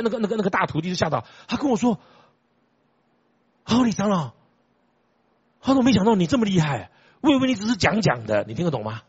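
An older man delivers a sermon as a church elder, his voice husky and his pitch swinging widely as he tells stories. He hammers points home by repeating phrases and firing rhetorical questions at the listeners. The recording sounds dull and lo-fi.

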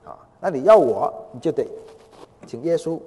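Domineering husband as voiced by a man, bullying, loud demands, lively pitch. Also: moderate pace, slightly rough. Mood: demanding. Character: domineering middle-aged husband issuing ultimatums. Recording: long hall reverb.

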